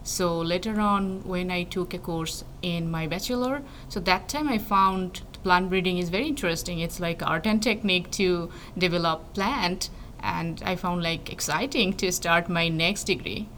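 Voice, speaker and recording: Speaking at a moderate pace in a somewhat low, slightly bright voice, a young Bangladeshi woman doing a plant breeding PhD answers interview questions. She is thoughtful but uses many fillers and restarts, and faint background noise runs through the recording.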